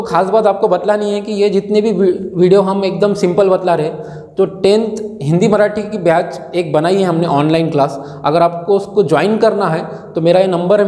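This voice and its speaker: A man's voice: high voice, dark tone. A man teaching grammar in a classroom-style lesson, quizzing the class by asking each answer back and then repeating it. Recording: echoey room with long reverb.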